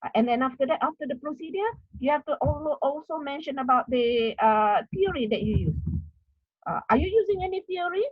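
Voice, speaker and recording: A woman's voice: high voice, animated, a little fast, no echo, dull audio. A woman from Malaysia with a Malaysian accent, giving a lecture on academic writing, with frequent "uh" fillers and a checking "okay?". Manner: repeats and restarts, many "uh" fillers and checking "okay?". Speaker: university lecturer. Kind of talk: academic workshop talk.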